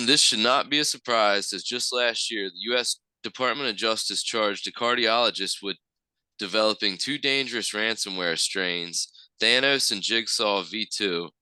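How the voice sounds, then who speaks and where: A man's voice: fairly low pitch, normal speed, bright, forceful tone, smooth, no room sound, poor audio. A man co-hosting a podcast, reading news articles aloud steadily and sometimes stumbling over long terms. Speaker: podcast co-host.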